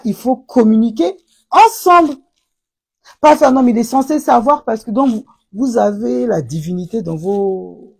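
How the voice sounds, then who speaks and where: A woman hosting a live stream, speaking in a preachy, impassioned way about faith and couples, bursting into loud exclamations. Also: a little high, breathy edge. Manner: preachy, rises to loud exclamations and repeats "aïe". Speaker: live stream host answering viewer comments.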